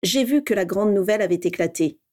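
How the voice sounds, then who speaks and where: A wise elderly headmaster, as a woman reads him in a storybook. He speaks in a peaceful, measured way, unhurried even when the news is grave. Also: mid-range voice, close to an everyday voice. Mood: calm.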